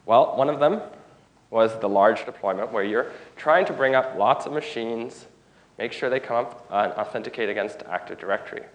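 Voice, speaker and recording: At a conference, a man gives a technical talk in a room, stuffed up from a cold. He is informal and often restarts phrases. His voice sits lowish, and the recording quality is low.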